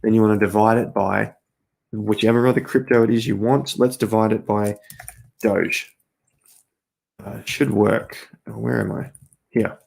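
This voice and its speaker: Host type: low, gravelly man, chatty livestream chart talk straight to camera, voice fraying and hoarse. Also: steady tone, measured pace, long pauses, a little mellow. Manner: chatty, talks straight to viewers while walking through charts. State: losing his voice, coughing. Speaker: crypto market host. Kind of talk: casual livestream chart commentary.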